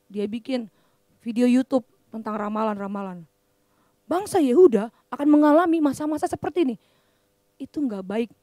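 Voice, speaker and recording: Young woman, children's church teacher, high voice, lively, dry close sound. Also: no room sound. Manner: lively, chatty, talks directly to children. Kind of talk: children's sermon storytelling.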